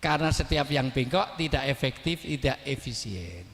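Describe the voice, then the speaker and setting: Joking Javanese-accented preacher, hall echo. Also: male voice, mid-range voice, animated, moderate pace. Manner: jokey, swings to loud emphatic bursts. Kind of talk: humorous sermon. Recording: long hall reverb.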